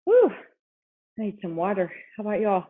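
A breathless woman fitness instructor leads a workout, cheering people on and counting reps in a slightly high voice. She speaks slowly and takes her time between cues. The sound is thin and tinny, as if heard over a phone line. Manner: upbeat, encouraging, counts reps aloud. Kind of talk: coaching a live workout.

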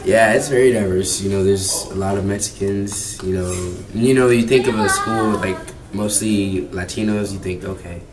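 A man's voice: on the low side, moderate pace, few pauses, distant mic, a crowd in the background. A teenage boy, a student, answering casually and rambling a bit. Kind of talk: interview answer.

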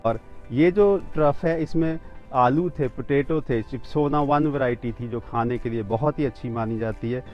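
This is a man in his fifties leading a walking tour of a rooftop vegetable garden outside, explaining to the camera as he plainly and steadily names each plant, with small restarts. He speaks at a medium pitch and a moderate pace. The high frequencies are cut off, and soft music plays underneath.

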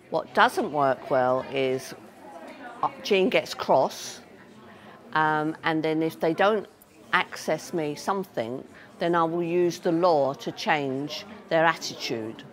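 Older woman, low voice, determined. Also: animated, takes it slowly. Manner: frank, determined. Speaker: family carer. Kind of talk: vox pop interview. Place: large conference hall. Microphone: lapel.

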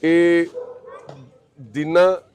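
A man's voice: fairly high pitch, flat delivery, very slow. A man, hosting and comforting a troubled man, then speaking earnestly to the camera. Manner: warm, consoling and reassuring; earnest and pleading. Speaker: host helping a troubled man. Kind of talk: casual talk, then address to camera.

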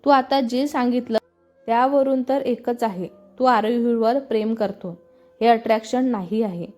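A woman's voice: on the high side, steady tone, measured pace, a little mellow, faint music behind, close to an everyday voice. A woman voicing a playful, teasing young man, the hero's best friend, in a storybook reading. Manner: teasing, mock-dramatic.

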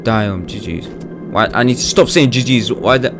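A young man giving casual let's-play commentary on a horror game, jumpy and swearing, his voice jumping high when scared. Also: moderate pace, music in the background. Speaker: gaming YouTuber.

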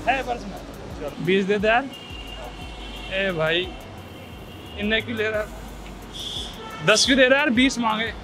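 A man's voice: sits high, measured pace, pauses often, music in the background. A man, a YouTuber posing as a beggar in a street social experiment, pleading persistently for money and food. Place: outdoor city street.

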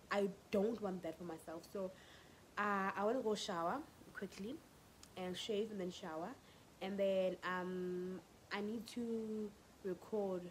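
A woman's voice: fairly low pitch, darkish tone, slight background noise, poor audio. A South African woman in her twenties, vlogging casually at home with a stuffy, fluey voice, talking to a phone camera held at arm's length. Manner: chatty, mixing in Setswana phrases. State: congested with flu. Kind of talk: casual vlog chat. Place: home living room and bedroom.

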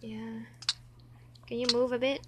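Playful woman over loud noisy mic. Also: on the high side, level tone, a little slow. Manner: playful, melodramatic, self-mocking. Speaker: let's-play guest. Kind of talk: casual gaming chat. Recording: loud background noise and clicks.

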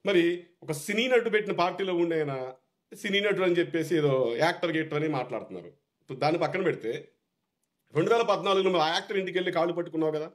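A man's voice: on the high side, quick pace. A man with a Telugu accent, a political party supporter, giving a heated, repetitive, scolding rant.

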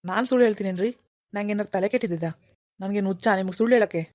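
Cartoon: woman doing a gruff sneering shopkeeper, rapid, dry, dark. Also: medium pitch, dry recording, lightly acted. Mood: scornful. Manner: gruff, dismissive, shooing people away. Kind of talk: animated cartoon dialogue.

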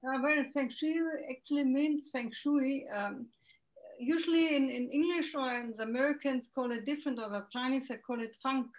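A middle-aged woman from Germany with a German accent, a native German speaker, talking hesitantly with many pauses as a guest on a video call. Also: sits high. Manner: hesitant, searching for words with many ums. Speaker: guest, feng shui consultant. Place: home room with window. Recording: dull lo-fi video call audio.

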